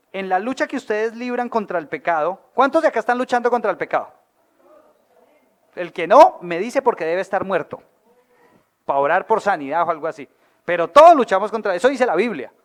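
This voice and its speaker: A man with a Colombian accent, preaching a sermon as pastor. He is colloquial and humorous and keeps asking the audience questions. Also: high voice. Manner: lively, asks the audience questions.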